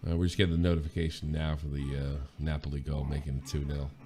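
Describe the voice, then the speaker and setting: A man's voice: a bass voice, level tone, fast talker, warm tone, slightly rough. A man with a North American accent hosting a football stream, chatting casually and commentating loosely in colloquial, mildly sweary language. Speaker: host of a football watch-along stream.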